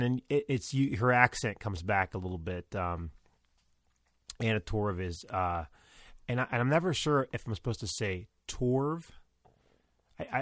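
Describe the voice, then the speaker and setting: A man's voice: fairly low pitch, fairly bright tone, dry recording, studio quality. A man casually talking through his thoughts on a TV episode, rambling with many restarts. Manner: rambling, lots of fillers and restarts. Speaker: show reviewer and host. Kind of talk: casual commentary on a TV show.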